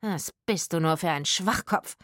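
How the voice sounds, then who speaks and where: Lady doing a snappy sarcastic crook woman, loud and bossy, dry close recording. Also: on the low side, a little slow, dry recording. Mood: scolding. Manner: scolding, sarcastic. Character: sharp-tongued female crook, scornful and bossy.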